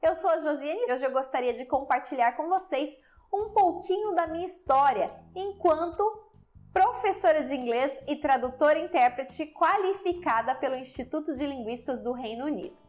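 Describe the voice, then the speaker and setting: A Brazilian woman who teaches English, speaking to viewers in a lively, chatty way. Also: sits high, normal speed, soft background music. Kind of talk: explaining to viewers.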